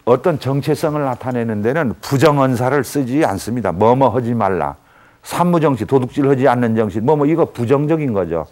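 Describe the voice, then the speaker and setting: A man's voice: medium pitch, a little mellow. Male lecturer, mid-range voice, patient step-by-step explainer with habitual fillers. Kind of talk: academic lecture.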